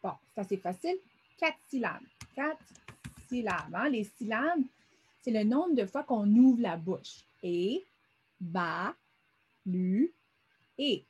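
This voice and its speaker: A middle-aged woman teaches vocabulary in an unhurried, deliberate way. Her voice is slightly husky and breathy. She patiently breaks words into syllables and sounds as she goes. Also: on the high side, big pitch swings, a little mellow. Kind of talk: vocabulary lesson narrated over a screen.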